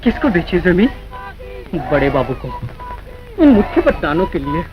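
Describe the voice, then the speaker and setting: An actor playing an earnest, troubled villager in a 1940s film. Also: male voice, sits high, big pitch swings, moderate pace. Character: distressed male villager talking with a friend. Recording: dull old film soundtrack.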